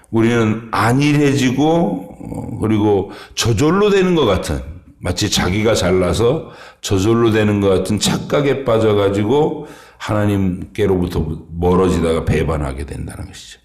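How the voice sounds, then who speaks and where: A man preaching an early-morning sermon as pastor, speaking in a halting way with many pauses and fillers. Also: lowish voice, a little mellow, reverberant. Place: church sanctuary.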